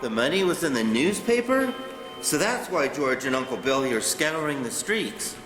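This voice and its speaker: Guy playing eager naive junior angel, stage radio play, curious, highish voice, echoey hall w/ music. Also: expressive, moderate pace, lightly acted. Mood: puzzled. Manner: inquisitive.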